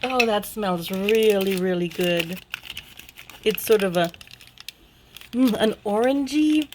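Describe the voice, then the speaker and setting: A woman in a casual unboxing vlog, excited and gasping with delight, sometimes dropping to a hushed whisper. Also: mid-range voice, slow, a little hiss or hum, rough recording. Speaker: vlogger unboxing a package.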